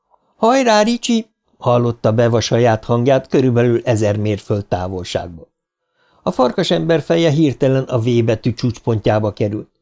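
A man narrating a horror novel as a dramatic audiobook reading. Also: medium pitch. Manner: vivid, rising for shouted lines.

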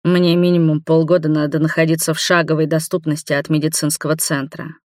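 A reader voicing an earnest older man, just out of hospital, pleading softly. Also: on the high side, flat delivery, brisk, no room sound, studio quality, lightly acted. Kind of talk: audiobook dialogue.

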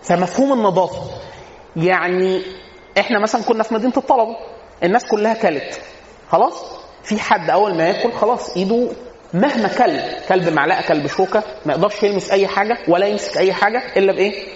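An Egyptian man gives a casual religious lecture on family life, talking fast in a fairly high voice and answering his own rhetorical questions with humor. He is heard through a dull, lo-fi recording with a long echo, as if in a large hall. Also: a little hiss or hum. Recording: echoey hall, dull lo-fi sound.

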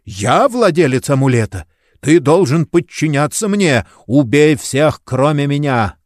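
Man doing a cornered rogue, loud, commanding; audiobook. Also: mid-range voice, expressive, unhurried, no room sound, clean studio sound, voice pushed up, lightly acted. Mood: urgent. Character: sly rogue adventurer, bold and cornered.

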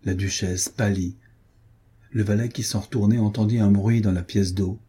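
A man reading a novel aloud in measured, composed scripted narration. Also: fairly low pitch, steady tone, warm tone, husky. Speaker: audiobook narrator.

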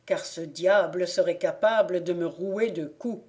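A woman reading the part of a sly, stubborn old peasant man who mutters to himself, in a slow storybook reading. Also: sits high, a little mellow. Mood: wary.

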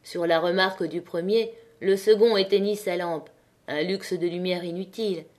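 Expressive woman reading a classic novel. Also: on the low side, normal speed. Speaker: audiobook narrator. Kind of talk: audiobook narration of a classic novel.

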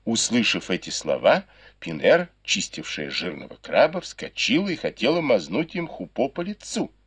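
A man's voice: fairly low pitch, wildly swooping pitch, moderate pace, slightly rough, no echo. A man reading a classic novel aloud as an audiobook, narrating expressively. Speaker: audiobook reader.

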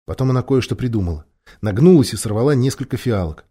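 A male reader narrates a children's storybook aloud. His voice is mellow and warm at a medium pitch, and he reads in an expressive, measured way. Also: slightly rough. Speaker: audiobook reader.

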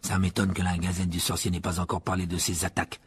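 A man voicing Malfoy, a sneering raspy boy wizard. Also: lowish voice, steady tone, brisk, darkish tone. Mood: scornful. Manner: scornful, gloating. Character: sneering arrogant pure-blood boy wizard.

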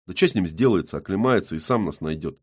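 A man's voice: deep voice, animated, fast, darkish tone, husky. A man voicing a cocky male street thug who talks in crude, threatening slang.

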